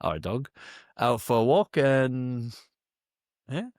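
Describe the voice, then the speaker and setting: A man with a mixed international accent, chatting as a podcast guest in a relaxed, joking way. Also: medium pitch, slow pace, no echo, clean studio sound. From Australia. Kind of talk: casual chat.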